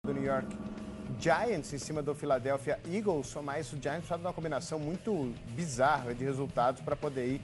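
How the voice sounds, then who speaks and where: A man's voice: mid-range voice, a little fast, over music. A man with a Brazilian accent hosting a sports show in a conversational presenting style.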